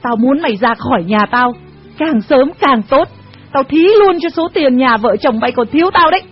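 Shrill, husky older landlady, harsh scolding, radio drama, lo-fi with music. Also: animated, brisk. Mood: furious scolding. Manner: berating, rough-tongued. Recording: dull radio recording with music.

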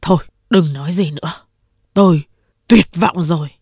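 A woman's voice: lowish voice, a little slow, a little mellow, dry recording, clean studio sound. A woman voicing a big, burly male company boss who despairs and weeps, pleading in a self-pitying way. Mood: despairing. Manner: sobbing, self-pitying pleas.

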